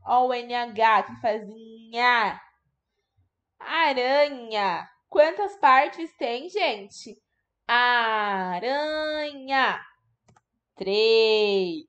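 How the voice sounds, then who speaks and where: A woman's voice: on the high side, animated, drawn-out words, hardly any pauses. A woman teaching a remote lesson to young children, patiently sounding out words syllable by syllable. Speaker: primary school teacher.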